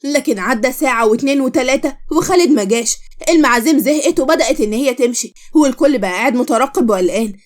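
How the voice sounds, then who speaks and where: An Egyptian Arabic woman tells a dramatic story. Her voice sits high and she talks fast. She voices every character herself, one after another. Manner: quick, expressive, switches voices between characters. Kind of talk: dramatic story narration, voicing all characters.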